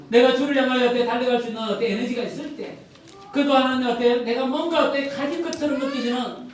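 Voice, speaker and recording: A male pastor preaching a sermon in a chatty way, often asking the congregation rhetorical questions. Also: very high-pitched. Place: church sanctuary. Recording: very echoey hall, voice from a distant mic.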